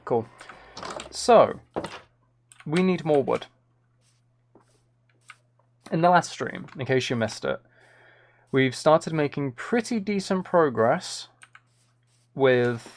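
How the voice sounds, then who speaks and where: Slight background noise and music accompany this medium-pitched man. He hosts a live game stream in a relaxed, rambling way, narrating his own actions with a gently wry edge.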